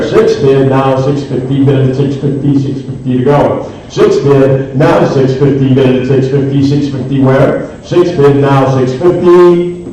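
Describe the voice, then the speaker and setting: A male auctioneer chanting bids in a rapid, repetitive, rhythmic sing-song patter of numbers. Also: medium pitch, warm tone. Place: indoor auction room. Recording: distant mic in a very echoey room.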